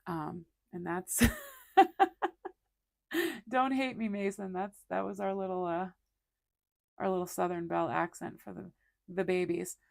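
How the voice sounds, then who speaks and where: A woman hosts an art livestream and chats casually while she draws. She rambles through her stories with lots of ums and restarts, in a lowish, gravelly voice recorded close and dry. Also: takes it slowly, long pauses, darkish tone, no echo. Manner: rambling storyteller with many fillers and restarts. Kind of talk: casual chat while drawing.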